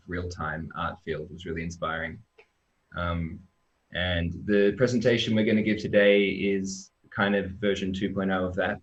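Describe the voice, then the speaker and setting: Over a dull, lo-fi video call during a remote online live stream, a guest with a very low voice and an Australian accent speaks informally. He comes across like a developer introducing his team.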